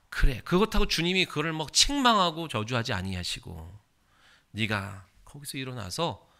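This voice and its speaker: Bright-voiced preaching pastor, man. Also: medium pitch. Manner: emphatic preaching, swells loud in prayer. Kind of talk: sermon and closing prayer.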